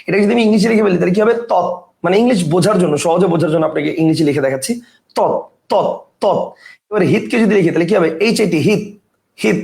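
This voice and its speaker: A man teaching a grammar lesson, explaining step by step and often asking whether the point is clear. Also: sits high, darkish tone, reverberant.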